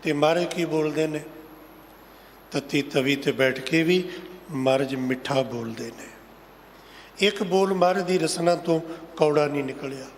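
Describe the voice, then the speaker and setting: A man with a Punjabi accent delivers an impassioned Sikh sermon, pressing his listeners with rhetorical questions. His voice sits somewhat high. It rings through a large hall with a long reverb tail and a faint hum of ambience. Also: unhurried, pauses often. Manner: impassioned, rhetorical questions, sung scripture lines. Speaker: Sikh preacher giving katha.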